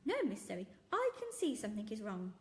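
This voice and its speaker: A woman voicing a big, jolly, kind-hearted shopkeeper who fusses warmly and scolds softly in a storybook reading. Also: medium pitch, wildly swooping pitch, brisk. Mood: tender. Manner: warm, fussing, softly scolding. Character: big jolly kindly male shopkeeper, sentimental.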